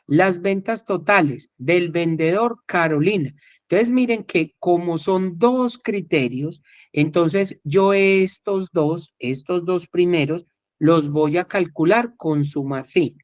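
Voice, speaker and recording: A man with a high voice teaches a recorded online spreadsheet class, going slowly and step by step while often checking that listeners are following. The recording is dull, dry and lo-fi with no echo.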